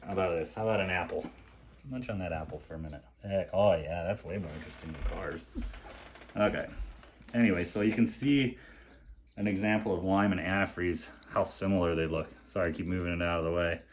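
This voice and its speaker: A man's voice: sits low, brisk, slight background noise. A man casually unboxing and admiring a collection, chatting along and talking to his pet between items. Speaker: collector showing a mail delivery.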